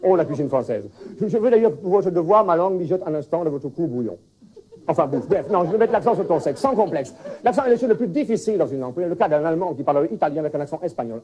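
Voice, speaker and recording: A man's voice: a little high, warm tone, husky. A man playing a flustered foreign language teacher in a stand-up comedy sketch, stammering through puns with a put-on accent. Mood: confused. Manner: stammering wordplay, restarts. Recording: 1979 television broadcast.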